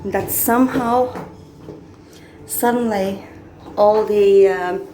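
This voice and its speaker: A woman narrates a casual handheld vlog as she tours a hotel. She speaks slowly and haltingly, in an unscripted, chatty way. Faint ambient noise of the hotel sits behind her voice. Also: mid-range voice, mellow. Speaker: vlogger touring a hotel. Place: small hotel room, later the hotel lobby, corridors and elevator. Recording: noisy handheld recording with background ambience.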